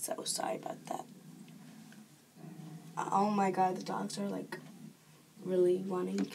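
Rambling teenage girl vlogging at home. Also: medium pitch. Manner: rambling, filler-heavy, chatty. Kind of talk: casual vlog chat. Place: home bedroom. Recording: noisy home recording, dogs barking. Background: dogs barking.

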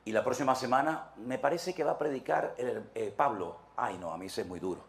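A male pastor putting on the voice of a fickle, gossiping churchgoer, low and quiet with a chatty mutter. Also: lively intonation, fairly quick, gravelly, reverberant. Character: fickle, gossiping churchgoer who picks favorite preachers.

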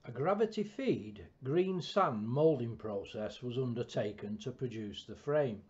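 A man giving a scripted, measured technical narration of an engineering build, with a dull lo-fi recording. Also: mid-range voice, lively intonation, a little mellow. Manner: measured, precise technical delivery. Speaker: project narrator.

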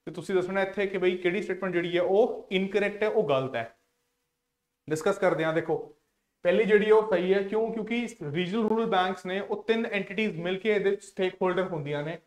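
A man's voice: high voice, quick pace, roomy sound. A man with a Punjabi accent, an exam coaching teacher explaining multiple-choice questions, mixing in English and answering his own questions.

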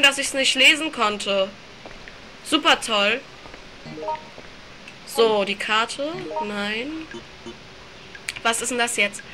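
A woman's voice: a little high, sharp tone, slight background noise. Giggly woman commenting on a game. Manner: chatty, giggly, reads game text aloud, swears playfully. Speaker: let's play commentator. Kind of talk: casual gameplay commentary.

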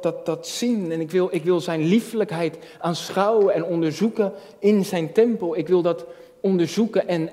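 A man preaching in a big hall with a long, ringing reverb around his voice. His tone is somewhat high for a man but mellow and soft-edged. He talks loosely, restarting phrases, then pushes hard on repeated key words. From Netherlands. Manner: conversational preaching, many restarts, building to emphatic peaks. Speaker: youth pastor. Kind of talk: sermon.

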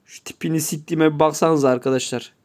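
A man's voice: fairly high pitch, steady tone, fast, a little mellow. A man giving casual gameplay commentary, swearing constantly and grumbling to his viewers in mock-offended asides. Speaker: gameplay YouTuber.

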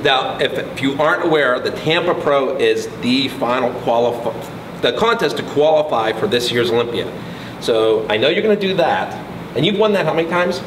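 A man's voice: mid-range voice, lively intonation, normal speed, noisy background. A middle-aged man hosting a casual interview in a gym, teasing and joking with his guest. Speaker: interviewer, host. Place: large indoor gym, in front of a logo wall. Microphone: far camera mic. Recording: echoey room, picked up from a distance, with clear ambience.

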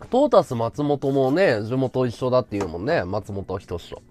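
A man's voice: mid-range voice, sing-song, moderate pace, darkish tone, soft background music. A man hosting a casual livestream chat, talking freely and thanking viewers for gifts. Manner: chatty, reacts to viewer gifts. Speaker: livestream host.

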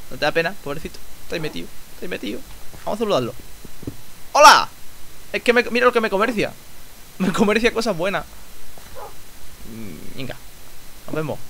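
A young man with a Spanish accent from Spain, commenting on his Minecraft play in an excitable, joking way and swearing freely. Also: rough recording. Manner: excitable, swears, jokes, sudden squeaky outbursts. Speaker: gaming YouTuber. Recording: faint hiss.

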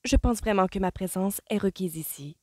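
A woman reading an audiobook voices a shy but resolute young woman with quiet, stubborn politeness. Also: mid-range voice, moderate pace, dry recording, pitched above the performer's own voice, close to an everyday voice.

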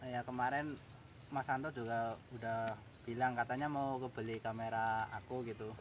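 A young adult vlogger selling his camera gear chats casually at normal speed in a medium-pitched, fairly even voice. He is outdoors on grass by a rice field, filmed by a camera a few metres away, and the audio is noisy.

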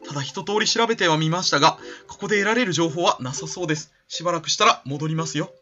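A man doing a gentle, polite, mysterious team leader from a game, speaking soft and composed. The voice has a bright edge, heard through a slightly dull lo-fi recording. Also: on the high side, quick pace. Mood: calm, polite.

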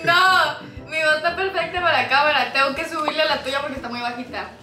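A young woman with a Mexican accent talks loudly and playfully at a couple's vlog table, her voice high and piercingly bright. The room rings with echo while faint music plays underneath. She teases and laughs her way through casual chat. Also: fast. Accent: Mexican Spanish. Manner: loud, teasing and animated, often laughing. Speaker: vlogger hosting a couple's mukbang.

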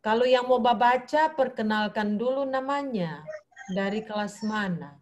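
A woman's voice: a little high, normal speed, a little hiss or hum, poor audio. A woman teacher with an Indonesian accent leading an online English class over a video call, coaxing her students and switching between English and Indonesian.

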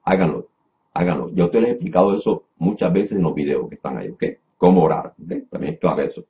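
Speaking briskly in a low, dark voice, a man teaches a Bible class like a sermon, addressing listeners as "brother" and frequently repeating himself or starting over. The audio sounds dull and lo-fi.

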